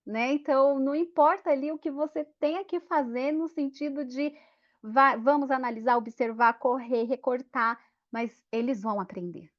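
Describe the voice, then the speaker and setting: A woman giving a lively teacher training talk, acting out classroom scenes in voices. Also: high voice, normal speed. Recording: dull lo-fi sound.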